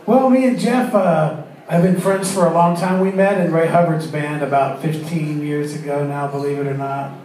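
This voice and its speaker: Casual musician, laid-back; very roomy, far-off sound. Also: male voice, a little high, fairly even intonation, normal speed, darkish tone, a little hiss or hum. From Corpus Christi, Texas. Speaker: musician guest.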